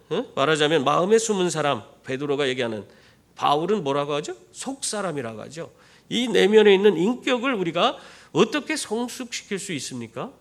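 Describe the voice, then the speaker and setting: A man preaching a sermon as pastor, telling stories with rhetorical questions to the congregation. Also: high-pitched. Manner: animated storytelling with rhetorical questions. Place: church.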